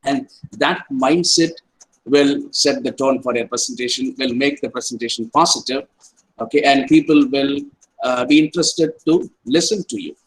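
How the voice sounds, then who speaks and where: A man's voice: mid-range voice, moderate pace, low-quality recording. A middle-aged man, an academic counsellor giving an online lecture and tagging his points with "right?" and "okay". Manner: repeats points, tags sentences with "right?" and "okay".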